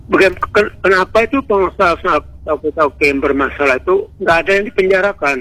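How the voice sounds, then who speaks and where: Calling a radio program by phone, this Indonesian man voices his views with a high, slightly fast, pushed and bright voice, recorded dry. He rambles bluntly, frequently interrupting himself to restart, heard over the phone line on air.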